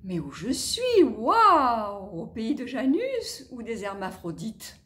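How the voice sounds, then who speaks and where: A woman's voice: fairly high pitch, huge pitch swings, a little slow, dark tone. A woman voicing a dreamy adventurous male journalist explorer, sighing and musing aloud in a storybook tale. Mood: amazed.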